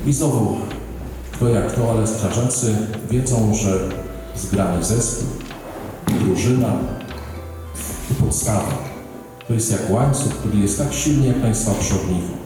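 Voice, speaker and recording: Man, priest, slow solemn homily, lowish voice, cavernous echo, music behind. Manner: measured, solemn, with deliberate pauses. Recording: very echoey hall, music underneath.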